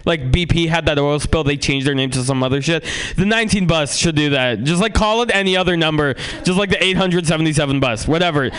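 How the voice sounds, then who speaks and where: A man performs stand-up into a handheld mic on a comedy club stage. His voice sits a little high and sounds smooth and resonant. He rambles and swears freely, leaping into loud, high outbursts before sinking back into low, flat mutters. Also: quick pace. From San Francisco, USA.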